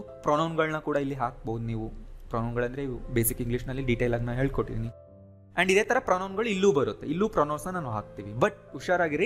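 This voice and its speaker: A man with a fairly high voice teaches a lesson, explaining each point step by step and often checking in with the listener. He slows down to drill word lists clearly, one word at a time. Faint music plays under his voice. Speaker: English teacher. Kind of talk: spoken English lesson.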